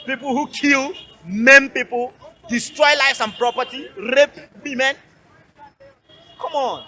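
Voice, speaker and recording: Impassioned Nigerian man, high bright voice. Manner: impassioned, emphatic, repeats key phrases. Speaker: interviewee. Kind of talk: roadside street interview. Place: outdoors by a road.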